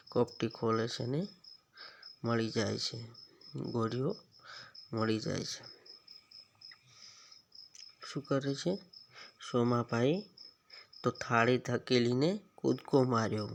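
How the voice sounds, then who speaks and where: Male Gujarati schoolteacher, gravelly low-key delivery, storybook reading for children. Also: slight background noise. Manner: slow, explanatory, asks the children questions. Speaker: teacher.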